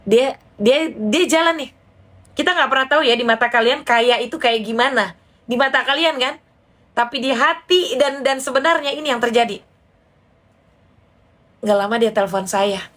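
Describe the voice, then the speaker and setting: A woman preacher, telling a story in a chatty, animated religious talk. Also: a little high, moderate pace, pauses often. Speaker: Islamic preacher.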